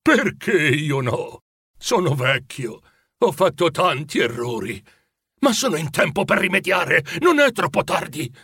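A man voicing a remorseful old miser in a storybook reading, pleading in anguish with a raised pitch. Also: big pitch swings, measured pace, bright, forceful tone, husky, no echo, clean studio sound, full character voice.

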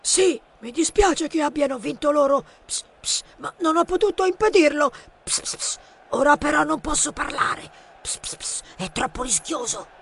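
A man's voice: very high-pitched, expressive, moderate pace, vocal fry, slight background noise, pitched above the performer's own voice, full character voice. A man voicing a shifty male referee murmuring conspiratorially on the phone in a storybook. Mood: furtive. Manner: hushed, conspiratorial.

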